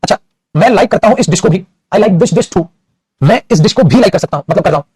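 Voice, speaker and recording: A man teaching grammar at a rapid clip, his voice high for a man and a little husky. He repeats himself often and keeps checking in with the class. The sound is dry and close. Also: expressive, darkish tone, no room sound. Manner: repetitive, addresses students as "beta", frequent "very good". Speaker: English teacher. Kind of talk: classroom-style grammar lesson.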